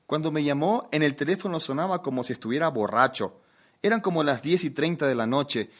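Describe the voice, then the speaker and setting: Preacher man with a higher voice. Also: a little fast. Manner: lively anecdote-telling, asks the audience questions. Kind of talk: humorous sermon storytelling.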